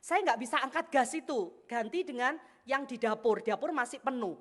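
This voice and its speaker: A middle-aged woman from Indonesia preaching a sermon, telling a lively personal story and calling out often to the congregation. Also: sits high, moderate pace. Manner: animated storytelling, addresses congregation as Saudara.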